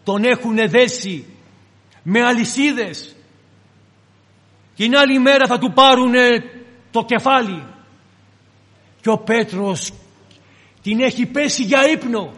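A preacher with a very high voice tells a scripture story dramatically in his sermon, taking on the voices of its characters. The long reverb of a large church hall rings around his words, and his sharp-toned delivery includes long pauses.

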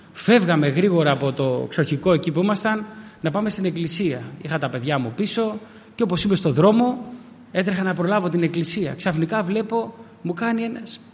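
A man's voice: sits high, in a large hall. A man preaching a sermon with personal stories, addressing his listeners as brothers and acting out the voices of people he quotes.

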